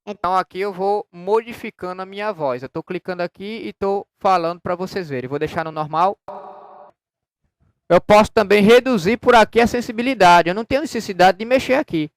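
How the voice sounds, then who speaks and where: A man talks casually through a software tutorial, explaining each step and testing his microphone with short repeated words. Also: sits high, a little fast, clean tone, no room sound. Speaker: software developer demoing his program. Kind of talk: casual screen-recorded tutorial. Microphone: studio microphone through an audio interface.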